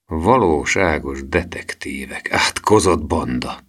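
Gruff grumbly old-school cop in a storybook, man doing it, deep and slow. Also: animated, pushed and bright, heavily acted. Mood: grumbling. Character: gruff grumbling male police sergeant.

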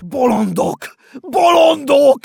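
A man voicing an old male donkey in a storybook reading, shouting in alarm. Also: extremely high pitch, big pitch swings, creaky, no room sound, clean studio sound, voice pushed up, heavily acted. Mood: frantic shouting. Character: old male donkey, grumpy, now frantic.

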